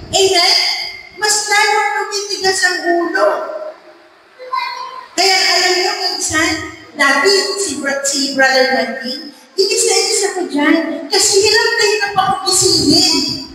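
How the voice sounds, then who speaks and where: A middle-aged Filipino woman giving a lively personal talk to a church group, teasing and asking the audience questions. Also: very high voice, a little slow. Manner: mixes in English words, teasing, asks the audience questions. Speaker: speaker at a marriage encounter gathering. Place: parish hall. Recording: echoey hall, from far off, faint background noise.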